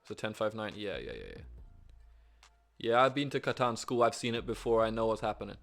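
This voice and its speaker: A young man streaming himself playing a board game online, talking to himself with excitable, swearing commentary. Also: lowish voice, fast talker, faint music behind. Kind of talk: live gameplay commentary.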